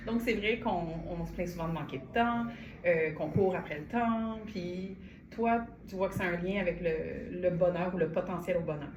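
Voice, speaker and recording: A woman's voice: lowish voice, moderate pace, rough recording. A woman with a Québécois French accent hosting a radio show, attentive, backing up her guest with short affirmations. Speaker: radio host. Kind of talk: radio interview. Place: radio studio.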